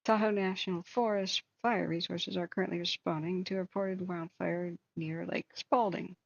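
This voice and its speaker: A woman's voice: lowish voice, creaky, no room sound, muffled recording. A woman hosting a livestream with casual wildfire-tracking commentary, thinking aloud in a conversational way. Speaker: livestream host.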